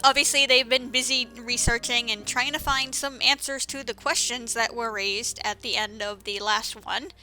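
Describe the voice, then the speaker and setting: A woman's voice: a little high, fairly even intonation, moderate pace, hardly any pauses, bright, forceful tone, faint music behind. A woman giving casual, rambling commentary over a game playthrough, with many fillers and restarts. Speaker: let's-play commentator.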